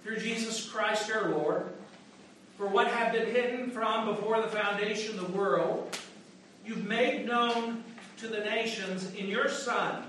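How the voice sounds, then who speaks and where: High-voiced pastor in cathedral echo. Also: male voice, steady tone, fairly bright tone, far from the mic, slight background noise. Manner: measured, solemn intoning. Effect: large church echo. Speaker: pastor leading worship. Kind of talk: liturgical prayer and chant. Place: large church sanctuary. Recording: echoey church heard from afar.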